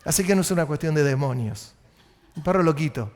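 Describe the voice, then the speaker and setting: A high-voiced man preaches with an Argentine Rioplatense accent, swinging from urgent raised exhortation down to soft, low asides. His sermon rings out in a church hall with a long, lingering reverb. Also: animated, brisk. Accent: Rioplatense Spanish. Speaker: pastor.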